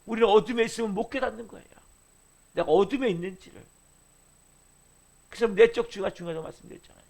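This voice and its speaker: A middle-aged man preaching with a high-set voice and a gravelly edge. He presses his congregation with question after question, and his voice climbs loud, then falls to hushed, low phrases. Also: quick pace. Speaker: pastor. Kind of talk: sermon at a dawn service.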